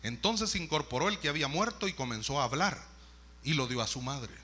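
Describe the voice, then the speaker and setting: Husky, bright-voiced male preacher. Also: fairly high pitch, a little fast. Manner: storytelling, animated, acts out scenes. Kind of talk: sermon.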